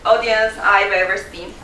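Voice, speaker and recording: Speaking English with a Korean accent, a young Korean woman gives a presentation to a live audience in a large room, frequently laughing and putting questions to the crowd. Her pitch is medium, and the recording, made from a distance in the echoey space, has background noise.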